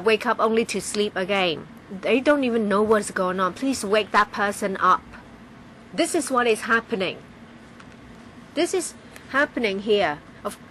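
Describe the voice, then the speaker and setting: A woman giving live interpretation of a legislative debate, halting, with frequent pauses and restarts. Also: medium pitch, fairly bright tone, a little hiss or hum, poor audio. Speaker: simultaneous interpreter.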